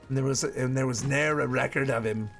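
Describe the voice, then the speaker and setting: A man's voice: mid-range voice, gravelly, a bit bright. A man live-streaming a video game, chatting casually with his viewers and exclaiming at small things. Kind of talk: casual live stream chat while gaming. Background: game music.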